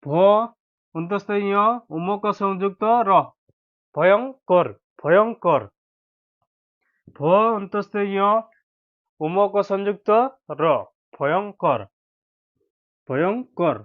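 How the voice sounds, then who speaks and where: A man's voice: sits high, takes it slowly, pauses often. A man teaching a spelling lesson, spelling words letter by letter and repeating each one, addressing his viewers as friends. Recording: tinny phone-like sound.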